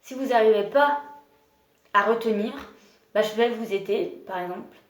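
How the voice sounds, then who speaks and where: A woman leading an early-childhood music lesson for parents and children, explaining slowly and gently with many pauses and fillers. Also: medium pitch. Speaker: music teacher. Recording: roomy room with faint noise.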